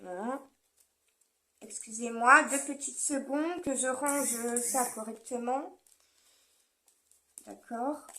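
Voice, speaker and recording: A woman's voice: a little high, slow pace, long pauses, bright, forceful tone. A woman giving a chatty, rambling card reading, with frequent fillers and small laughs. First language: French. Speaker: card reader. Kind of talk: casual spoken card reading.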